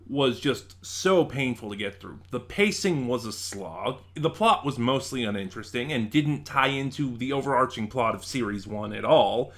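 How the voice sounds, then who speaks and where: A review channel host from Nevada, United States, speaks with an American accent in a medium-pitched voice that sounds pushed and bright. His ranking commentary is casual, opinionated and emphatically informal.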